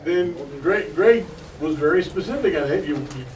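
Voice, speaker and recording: A man's voice: on the high side, lively intonation, normal speed. A man taking part in an umpire clinic discussion, breaking in with his own examples and objections. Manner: interjects with examples and pushback. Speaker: clinic participant. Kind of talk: group discussion. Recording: distant from the mic.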